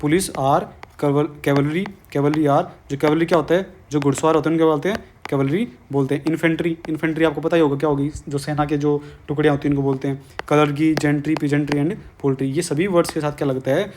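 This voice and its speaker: Hindi-accented guy teaching grammar for exams, kinda high voice, keeps asking the class questions, light hiss. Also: little pitch movement, fast, few pauses, darkish tone. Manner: coaxing, repeats questions to students. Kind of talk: exam-prep grammar lesson.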